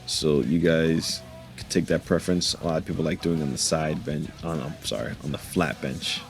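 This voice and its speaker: Laid-back deep-voiced man over faint music. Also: fairly even intonation, normal speed, creaky. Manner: laid-back, joking, laughs to himself. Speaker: fitness vlogger narrating his workout. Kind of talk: casual voice-over commentary.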